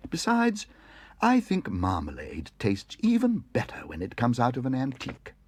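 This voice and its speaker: A man's voice: medium pitch, huge pitch swings, moderate pace, husky, no room sound, pitched above the performer's own voice. A man voicing a polite, naive young bear in a storybook, earnest and exclaiming. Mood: happy. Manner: exclaiming, eager, indignant.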